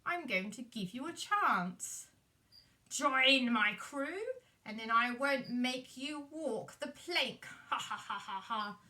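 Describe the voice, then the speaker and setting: A woman voicing a sly, dastardly pirate captain for a puppet show, with drawn-out wheedling and a theatrical villain's manner. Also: on the high side, animated, bright, forceful tone, exaggerated voice. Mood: gloating, menacing.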